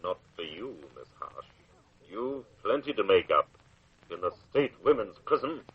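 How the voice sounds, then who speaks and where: An actor playing a mysterious, menacing male avenger in an old Australian radio drama, with a husky, taunting, theatrical delivery. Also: fairly low pitch, sing-song, measured pace, full character voice. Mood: silky menace. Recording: muffled lo-fi vintage radio recording.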